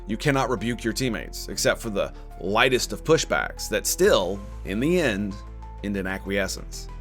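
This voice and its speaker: A man with a lowish, slightly bright voice narrates a scripted video game critique, opinionated and sardonic, with background music playing under him.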